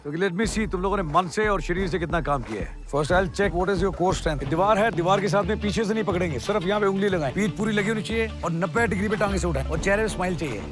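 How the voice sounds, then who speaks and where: An actor playing a strict army coaching colonel who barks orders in mixed Hindi and English. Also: male voice, high voice, quick pace, few pauses, music in the background, lightly acted. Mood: stern. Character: stern older male army colonel instructor. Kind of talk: web series drama.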